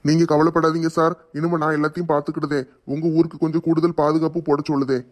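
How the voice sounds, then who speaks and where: A man acting in a homemade family skit, speaking in a quick, reassuring way. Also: on the high side, flat delivery.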